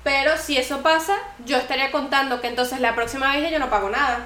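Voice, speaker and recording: A young woman co-hosts a casual podcast, talking in an animated way and acting out little quotes. Her voice sits somewhat high. The room around her is echoey. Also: fast, a little hiss or hum. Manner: animated, acts out quotes, laughs often. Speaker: podcast co-host. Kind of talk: casual chat.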